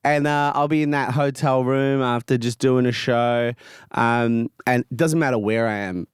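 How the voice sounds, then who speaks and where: A man, co-hosting a comedy podcast and telling rambling deadpan stories. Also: mid-range voice, moderate pace, slight background noise. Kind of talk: casual comedic chat.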